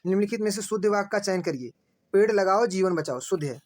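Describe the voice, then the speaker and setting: A male teacher running an exam-prep lesson, repeating each answer and asking quick rhetorical checks. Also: high voice, animated, a little mellow. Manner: points at screen, says "dekhiye".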